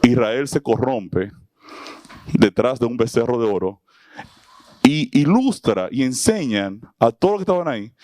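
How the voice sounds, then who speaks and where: A preacher teaches a Bible class to a small audience in a sermon-style lesson, asking them questions and acting out little scenes. His voice is medium-pitched and a little mellow, animated, with a measured pace and long pauses.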